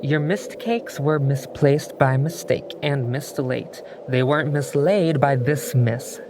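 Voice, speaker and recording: A woman's voice: rumbling low, slow, background noise. A woman playing a formal companion who loves tongue-twisting wordplay in an audio drama. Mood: playful. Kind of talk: musical audio drama acting.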